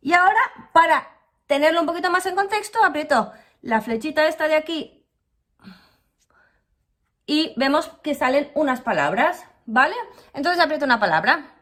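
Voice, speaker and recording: A young woman teaches English pronunciation in a relaxed, slangy way. Her voice sits high, and the echo of a roomy space trails after her words. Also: normal speed, pauses often. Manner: chatty, lively, slangy. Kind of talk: casual online lesson.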